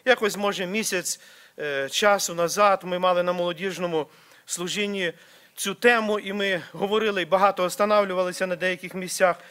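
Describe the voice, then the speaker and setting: Guy preaching at church, kinda high voice, earnest, keeps repeating himself. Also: fairly even intonation, a little fast, fairly bright tone, smooth. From Ukraine or Slavic region. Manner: earnest, repetitive exhortation with restarts. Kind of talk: sermon. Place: church service.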